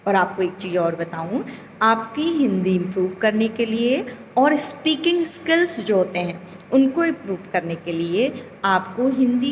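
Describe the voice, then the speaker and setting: A woman teacher talks to schoolchildren at a very slow, patient pace, stretching out sounds and stopping to quiz the class. Her voice rings with a long reverb, and a faint background hiss sits beneath it. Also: a little high. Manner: slow, deliberate, drawing out vowels and asking questions to the children. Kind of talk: recorded online class lesson. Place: home.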